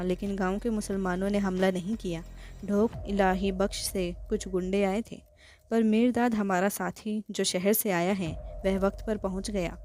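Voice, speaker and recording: A woman voicing a heated village man speaking up loudly in a meeting, in an audiobook. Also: medium pitch, a little hiss or hum, lightly acted. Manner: heated, raised voice. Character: angry male village speaker in a temple meeting.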